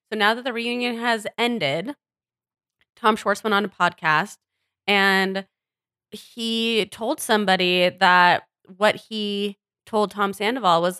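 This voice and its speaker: A woman's voice: mid-range voice, bright, forceful tone, dry recording, clean studio sound. A woman co-hosting a podcast in casual chat, blunt and heated, swearing freely. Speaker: podcast co-host.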